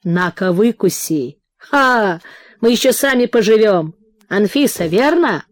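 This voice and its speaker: A woman reading the part of a drunken, reckless rich merchant hosting a feast, loud and boastful. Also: medium pitch, expressive, measured pace, no echo, studio quality, lightly acted. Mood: rowdy. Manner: rowdy, boastful, shouting.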